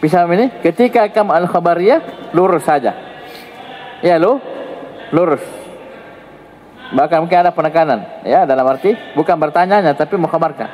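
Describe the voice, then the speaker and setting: A man's voice: fairly quick, long reverb tail, muffled recording. A male teacher with an Indonesian accent giving an Arabic grammar lesson in casual classroom talk, joking and swinging his intonation up and down. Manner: lively, joking, swings pitch up and down to show intonation.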